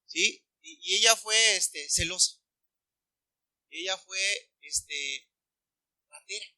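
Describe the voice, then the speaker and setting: Pastor, male, high bright voice, slow deliberate delivery, dry close sound, animated sermon. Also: no room sound. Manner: animated, questions the congregation directly. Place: church.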